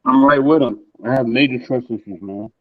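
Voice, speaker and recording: A man's voice: mid-range voice, a little fast. A man joining a casual panel talk over a call, his voice muffled as if heard through a wall. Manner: keeps asking if he is heard. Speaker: panel guest. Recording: muffled dull call audio.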